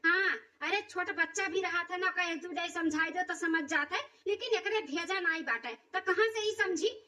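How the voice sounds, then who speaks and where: A woman's voice: extremely high pitch, bright, forceful tone. A woman voicing a stern village mother-in-law in a cartoon comedy, scolding her daughter-in-law in an Awadhi accent. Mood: fed up. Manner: nagging, rapid dialect scolding. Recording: distant, dull lo-fi recording.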